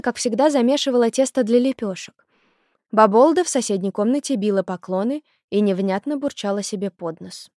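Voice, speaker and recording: A woman narrating a novel as an audiobook, reading in a measured, expressive way. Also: mid-range voice, no echo, clean studio sound. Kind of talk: scripted narration.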